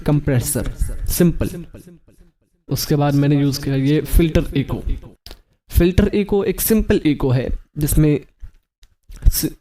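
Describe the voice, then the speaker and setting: Guy doing a phone audio app tutorial, dark mellow voice, explains step by step, keeps checking in. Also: mid-range voice. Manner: explanatory, repeats "theek hai" to check in. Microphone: phone microphone.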